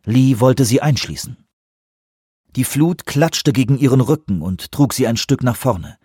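A man narrating an action scene in an audiobook with steady, tense storytelling. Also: medium pitch, a little slow, slightly rough, no room sound, studio quality.

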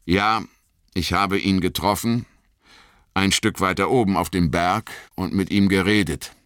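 A man's voice: sits low, fairly even intonation, unhurried, a bit bright, smooth, no room sound, clean studio sound, pitched above the performer's own voice. A man voicing a brooding warrior who speaks hesitantly, guilty and evasive. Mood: agitated.

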